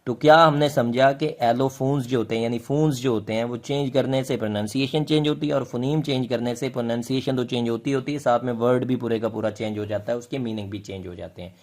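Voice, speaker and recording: A man with a Pakistani Urdu accent explaining linguistics in a lesson, often asking rhetorical questions and pausing on fillers. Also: medium pitch, steady tone. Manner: rhetorical questions, many hesitations. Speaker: linguistics teacher.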